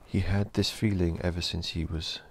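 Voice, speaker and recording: A man narrating a horror story in a slow, measured storytelling delivery. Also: low voice, steady tone, vocal fry, a little hiss or hum.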